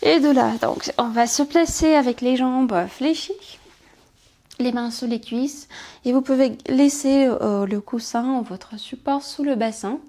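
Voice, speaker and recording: A woman instructor calmly guiding a pilates class, cueing movements and counting, with soft whispered asides. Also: high-pitched, a little slow. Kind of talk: guided exercise class instruction.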